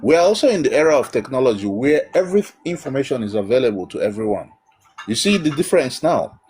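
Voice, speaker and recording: A man's voice: mid-range voice, big pitch swings, quick pace, darkish tone, a little hiss or hum. A man giving emphatic, blunt spiritual counsel as host of a live call-in.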